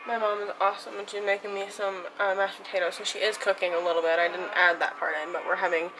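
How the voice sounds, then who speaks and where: Talking fast in a flat, medium-pitched voice, an American woman vlogger speaks candidly to camera from home, rambling somewhat while her mouth is sore and swollen from dental surgery. Background noise is audible.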